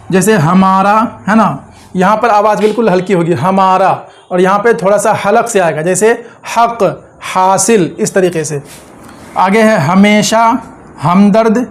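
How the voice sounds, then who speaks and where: A man's voice: sits high, a little slow. A man teaching an Urdu lesson step by step, patiently repeating words and asking the viewer questions.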